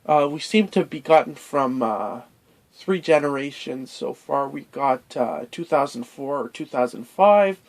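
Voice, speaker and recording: A man's voice: medium pitch, lively intonation, a little slow. A man with a cold and a nasal voice, chatting casually through a toy unboxing review, rambling with lots of fillers and self-corrections. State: has a cold.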